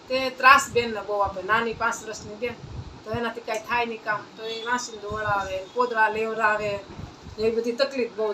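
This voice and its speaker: A woman's voice: fairly high pitch, pushed and bright. A woman telling a saint's life story at a satsang, in a plain folk manner that repeats phrases. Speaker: devotional storyteller. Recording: distant mic, faint ambient noise.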